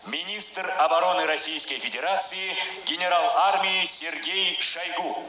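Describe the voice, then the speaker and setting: A man's voice: high voice, measured pace. A man making formal ceremonial announcements as a parade announcer, solemn and declamatory. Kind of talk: formal ceremonial announcement, reading a military order. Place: large outdoor square at a parade. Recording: echoing outdoor loudspeakers, distant, noisy, dull.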